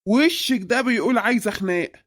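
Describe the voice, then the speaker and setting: A woman's voice: a little high, fast, heavy background noise, lightly acted. A woman voicing a grumpy, preachy father in an Egyptian cartoon, with an Egyptian Arabic accent. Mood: grumbling. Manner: grumbling, preachy.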